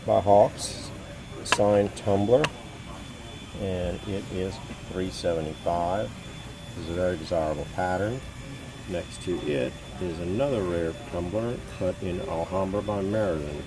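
Holding a phone camera as he films, a low-voiced antiques dealer from the United States walks through his show booth, naming items and their prices. His manner is slow and matter-of-fact, with frequent pauses and ums, and the show floor is noisy in the background.

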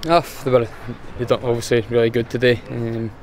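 Scottish footballer, flat plain delivery. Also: male voice, medium pitch, brisk, noisy background. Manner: plain, matter-of-fact, restarts with fillers. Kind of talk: post-match interview. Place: outdoors in front of a sponsor board.

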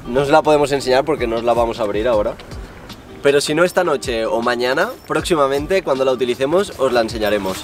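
A man, chatting to camera as a travel vlogger at an outdoor campsite, relaxed and enthusiastic. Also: medium pitch, fast talker, faint music behind. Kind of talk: casual chat to camera. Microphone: on-camera mic, handheld or tripod framing.

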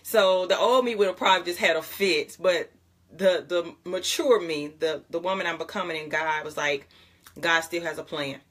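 A woman's voice: on the low side, moderate pace, a bit bright. A young woman pastor, chatting casually with viewers on a morning livestream and praying, often laughing and calling them y'all. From Jackson, Mississippi. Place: home closet.

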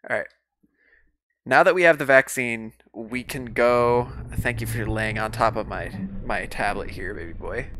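Chatty male game streamer, bright voice, mid pitch, quiet hiss behind him. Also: unhurried. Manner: chatty, talks to viewers and his pet. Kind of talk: live-stream gameplay commentary.

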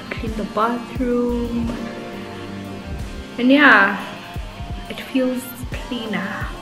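A young woman talking casually in a vlog from her bedroom, explaining each step in a relaxed way. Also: a little high. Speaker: vlogger. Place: small home bedroom, indoors. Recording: roomy indoor sound. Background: music playing behind.

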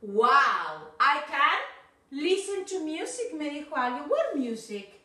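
Rioplatense woman, young-learner English teacher, high and bright, recorded off-mic in a very echoey room. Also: recorded from a distance. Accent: Rioplatense Spanish. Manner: animated, encouraging, mixes Spanish and English, slow repeated drills. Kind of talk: online video class for children.

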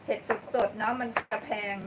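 A woman hosting a live-stream cooking show, chatting casually with viewers as she cooks, thanking them by name and laughing often. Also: normal speed. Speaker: livestream cooking host. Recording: distant mic with clear background noise.

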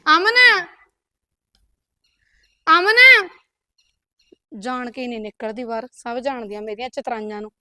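A woman's voice: very high-pitched, quick pace, bright, forceful tone, no room sound. A woman playing a bossy scolding sister-in-law. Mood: nagging. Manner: scolding, keeps tagging lines with a curt "tell me". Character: bossy nagging elder sister-in-law, middle-aged woman. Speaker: elder sister-in-law in the household. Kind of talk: comedy skit acting.

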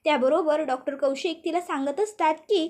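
Woman recapping a tv serial, super high voice, steady and chatty. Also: normal speed. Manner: steady, linking with stock phrases. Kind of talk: casual storytelling recap.

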